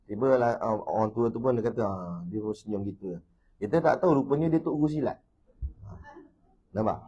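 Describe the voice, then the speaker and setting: A man with a Malaysian Malay accent giving a religious lecture, animated, breaking into loud emphatic bursts and often dropping in "ha". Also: fairly low pitch, a little fast, breathy edge, highs cut off. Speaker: religious teacher.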